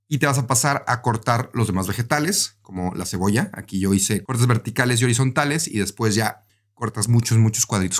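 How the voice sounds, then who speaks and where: A man with a Mexican Spanish accent and a mid-range voice does a casual, conversational recipe voice-over. As a cooking host, he speaks directly to the viewer.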